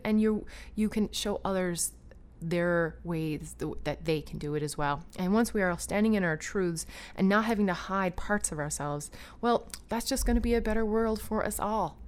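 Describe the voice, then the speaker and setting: A podcast host with a mid-range voice and moderate pace leads casual spiritual talk and guided breathing. She's enthusiastic and rambling, with many fillers and restarts.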